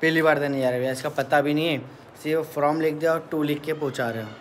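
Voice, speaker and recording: A man's voice: on the high side, steady tone, fast. Chatty male vlogger, noisy audio. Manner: chatty, talks to camera and coos at a baby. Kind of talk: casual family vlog chat.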